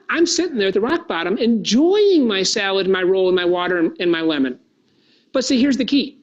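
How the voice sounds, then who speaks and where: A man giving a motivational workshop talk, telling a story with animated delivery and putting questions to the audience. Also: high-pitched, muffled recording. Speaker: workshop speaker.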